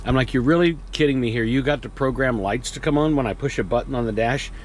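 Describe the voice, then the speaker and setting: A man's voice: mid-range voice, quick pace. Middle aged trucker guy just talking to the camera in his cab, rambly, lots of ums, faint road hum behind him. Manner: rambling, conversational, many fillers. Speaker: truck driver vlogger. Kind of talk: casual vlog monologue. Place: truck cab at night, earlier outdoors at a loading yard.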